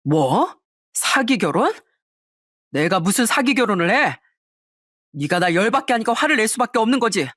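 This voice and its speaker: A woman's voice: medium pitch, big pitch swings, moderate pace, long pauses, no echo, studio quality. A woman doing a hot-tempered, bullying young man. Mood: angry. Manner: shouting threats, sneering.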